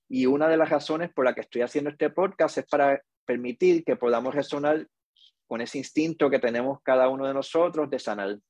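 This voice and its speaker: A middle-aged man, hosting a podcast in a slow, earnest, reflective monologue. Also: medium pitch, a little mellow, dry recording. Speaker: podcast host.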